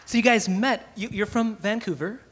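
A man hosting a casual live radio interview, relaxed and laughing easily. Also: high voice, normal speed, noisy background.

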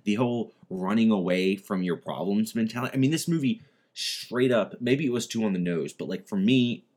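Casual podcast co-host, man, very low voice, rambling and chatty. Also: moderate pace, a little mellow. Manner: chatty, many "like" fillers. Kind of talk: casual film discussion.

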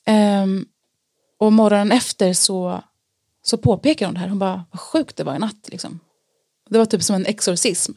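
A woman telling her personal story in an interview, earnest and reflective, pausing often with fillers. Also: mid-range voice, a little mellow, no room sound, studio quality. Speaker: interview guest sharing testimony. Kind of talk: personal testimony in conversation.

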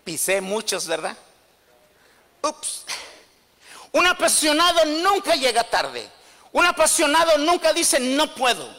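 A man's voice: very high-pitched, very animated, slow pace, long pauses, sharp tone, big-room sound. A man preaching a sermon, telling a story and making rousing calls to the congregation. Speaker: pastor.

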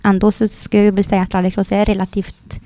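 A middle-aged woman, a racing team manager talking as a guest, who tells her story lively and acts out what people said, with many hesitations. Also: mid-range voice. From Sweden. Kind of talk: casual interview conversation.

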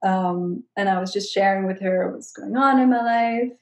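A guest coach from Switzerland and the Netherlands speaks in a reflective, soft-spoken way during a casual interview. Her voice is medium-pitched and her pace moderate, and the recording has a roomy echo.

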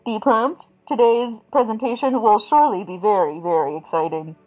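A woman's voice: mid-range voice, moderate pace, darkish tone, soft background music, poor audio. A woman, acting as game master, voicing a school principal making a formal morning announcement over the school intercom. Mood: chirpy formal. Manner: formal, chirpy announcer delivery.

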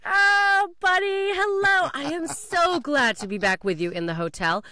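A woman's voice: medium pitch, big pitch swings, moderate pace, sharp tone, no echo. A Canadian woman chatting casually as a podcast co-host and comedian.

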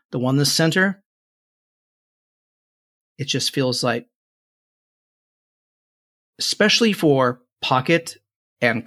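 A man with a mid-pitched voice works as game master, improvising scenes for a tabletop fantasy game. He describes things in halting pieces, rephrasing as he goes. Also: bright, forceful tone.

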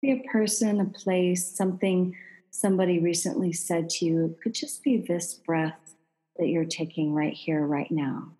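A woman podcast host leading a guided breathing meditation in a calm, soothing, meditative tone. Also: on the low side, normal speed, long reverb tail, low-quality recording.

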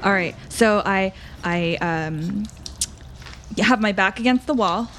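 Brief: giggly, hesitant woman player, mid pitch, faint room hum. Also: slow pace, a bit bright. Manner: hesitant, filler-heavy, giggly. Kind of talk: casual tabletop play.

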